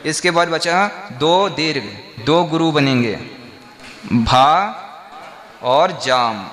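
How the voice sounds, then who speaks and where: A man's voice: fairly high pitch, slow, a bit bright. A man, a monk, teaching a class on verse meter, breaking words into syllables and quizzing his listeners.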